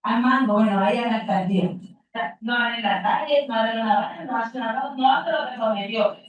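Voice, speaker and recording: A woman's voice: a little high, normal speed. Fed-up Caribbean Colombian vendor woman, heard far off in an echoing clip. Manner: blunt and fed up. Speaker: street vendor. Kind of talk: street conversation. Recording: played video clip, echoey and distant.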